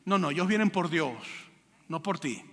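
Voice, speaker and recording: A man from Venezuela preaching a sermon to a congregation, animated and joking with them. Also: on the high side, moderate pace. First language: Spanish. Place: church hall with congregation. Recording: live hall reverb.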